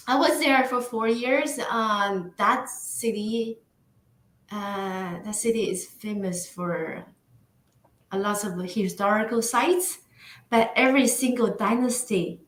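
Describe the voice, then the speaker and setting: A woman from northeastern China with a Chinese accent, a guest chatting casually in an interview with a soft voice, goofy and laughing often, with lots of fillers and restarts. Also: mid-range voice, slow, reverberant, rough recording. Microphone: microphone.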